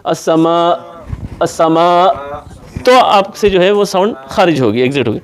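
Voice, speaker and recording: A man's voice: high voice, sing-song. A man with a slightly raised voice teaches pronunciation to a class. He is patient and demonstrates each sound again and again in a classroom. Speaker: Quran recitation teacher.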